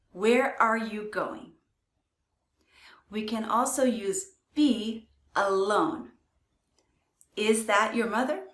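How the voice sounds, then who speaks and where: A woman's voice: mid-range voice, echoey room. A woman teaching English grammar, carefully saying each example sentence. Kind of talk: slow, clear grammar lesson.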